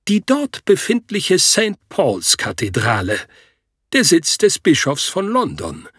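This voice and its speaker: A man's voice: a little high, wildly swooping pitch, takes it slowly, fairly bright tone, breathy edge, no echo, clean studio sound. A man narrating an audiobook story in the first person. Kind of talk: scripted narration.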